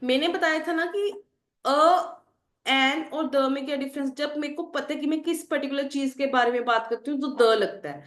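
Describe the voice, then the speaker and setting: High-voiced woman teacher, echoey room. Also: moderate pace, fairly bright tone. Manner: asks the class questions and answers them herself; addresses students as children. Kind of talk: explaining English grammar to students. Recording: roomy echo.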